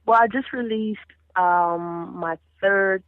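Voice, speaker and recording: Over a phone line, a singer in her thirties from the Caribbean talks as an interview guest in relaxed conversation. Her mid-range voice is slow and smooth with no room sound. A native Papiamento speaker, she tells animated stories and restarts frequently.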